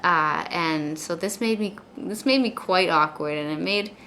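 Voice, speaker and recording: Bright-voiced woman with soft, W-like R's. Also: lowish voice, a little slow. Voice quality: soft, imperfect R sounds, leaning toward W. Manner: rambling, repeats words and phrases before finishing. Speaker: video blogger. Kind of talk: casual confessional chat to camera. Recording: clear background noise.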